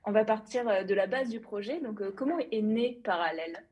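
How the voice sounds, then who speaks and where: A woman interviewing a series creator, asking measured questions. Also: mid-range voice, a little mellow, slightly rough.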